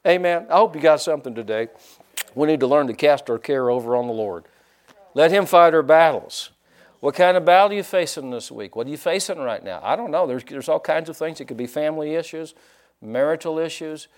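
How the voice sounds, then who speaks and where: A man pastor preaching a sermon in a folksy, animated way, acting out quotes and leaning on "you know". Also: fairly high pitch, brisk.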